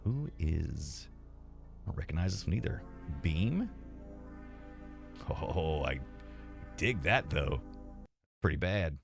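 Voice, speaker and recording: A man's voice: rumbling low, very animated, takes it slowly, creaky, long pauses. A man giving casual live commentary as he streams a game and chats with viewers. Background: game music.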